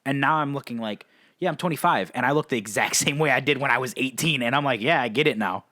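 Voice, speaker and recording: A man in his twenties co-hosts a podcast, and his voice is medium-pitched, quick and sharp, with a dry recording. The chat is casual and laid-back. He laughs easily and keeps repeating favorite phrases like "that's nuts."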